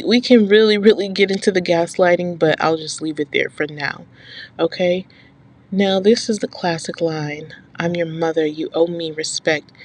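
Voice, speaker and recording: A woman's voice: on the low side, a little mellow. A woman vlogger talking straight to her viewers with firm advice, stressing and repeating her points and checking in with "okay?". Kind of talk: direct-to-camera advice talk.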